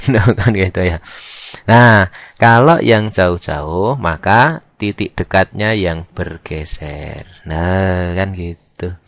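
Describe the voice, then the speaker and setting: A man's voice: sits low, no room sound. A young man, teaching physics in a casual lesson. He asks questions in his own voice and answers them, filling the talk with "nah" and "kan gitu". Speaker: physics tutor.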